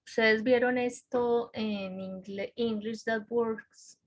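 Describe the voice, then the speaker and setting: A woman's voice: on the high side, steady tone, slow pace, dull audio. A woman teaching an online English grammar class, explaining step by step and checking in with her students. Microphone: computer microphone on a video call.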